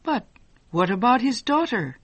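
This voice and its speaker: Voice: medium pitch, very animated, a little slow, fairly bright tone, husky, no room sound, voice pushed up, full character voice. The storyteller voicing an earnest, curious young man asking questions.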